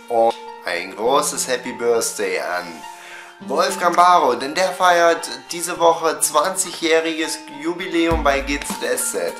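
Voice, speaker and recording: With a mid-range, slightly bright voice and roomy acoustics, a young man in his twenties gives his fan channel a casual weekly recap from his webcam at home in a small room. His cold leaves him sounding off. He talks straight to camera, chatty and filler-heavy.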